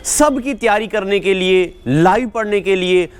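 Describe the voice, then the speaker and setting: A man delivering a rhyming promotional pitch for live exam-prep classes. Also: unhurried, clean tone. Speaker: course promoter.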